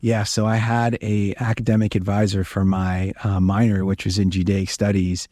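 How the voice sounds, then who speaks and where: A middle-aged man from Guyana speaks in a low, warm, mellow voice, earnest and reflective as he recounts his story. He talks conversationally, with the odd filler and restart, recorded close and dry with no room sound. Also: level tone, moderate pace, dry recording. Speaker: chief deputy prosecutor, guest.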